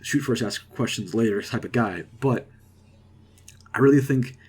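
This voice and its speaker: A young man casually rambling through an excited movie reaction, with lots of fillers and restarts. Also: medium pitch, moderate pace, breathy edge. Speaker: vlogger.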